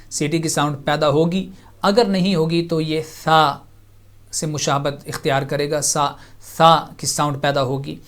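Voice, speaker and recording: Smooth-voiced patient Quran pronunciation teacher. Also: mid-range voice. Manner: patient, demonstrates letter sounds by repeating them; explains pronunciation step by step with English loanwords. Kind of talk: televised Quran recitation lesson.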